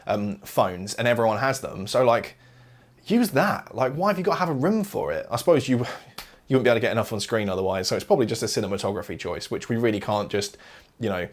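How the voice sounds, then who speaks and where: A man at a middling pitch rambles through a movie recap. His talk is chatty and loose, packed with fillers and side remarks. He often slips into a sarcastic, mocking tone. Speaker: movie reviewer.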